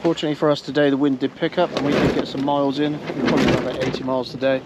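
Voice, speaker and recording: Male sailing vlogger, relaxed and chatty, recorded on deck over loud wind and water noise. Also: mid-range voice, very fast. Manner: chatty, relaxed, with frequent ums. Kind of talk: casual on-board narration. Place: on a sailing boat at sea.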